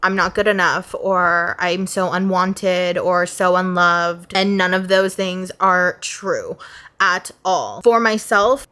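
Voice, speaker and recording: A woman's voice: fairly low pitch, pushed and bright. A woman of thirty answering viewer questions in a casual vlog, talking candidly and filling her sentences with "like". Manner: candid, chatty, fills with "like".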